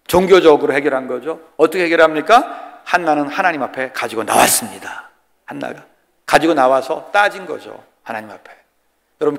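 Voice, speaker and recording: A man's voice: medium pitch, creaky. A man in his sixties, a pastor from the Chungcheong region, preaching a sermon in a folksy, joking way and putting questions to the congregation. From Korea, Chungcheong region. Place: church sanctuary. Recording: long church hall reverb.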